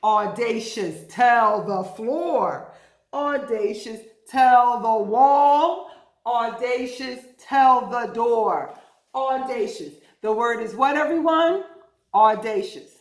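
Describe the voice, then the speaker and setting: A slightly high-voiced woman teaches young children through a read-aloud and vocabulary lesson, her pitch rising and falling in a lively way. She's deliberate and teacherly, stressing words, repeating herself, and posing questions to her audience. The recording has a noticeable roomy echo.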